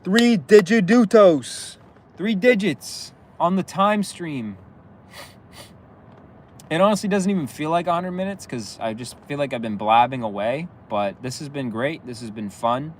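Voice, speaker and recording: A young man with a slight cold, sniffly, hosts a casual YouTube live stream on his phone outdoors, across the street from a police station. His voice is fairly high and animated at a measured pace, with a little hiss or hum. He's laid-back and rambling, full of "like" and "bro," and laughs easily with viewers.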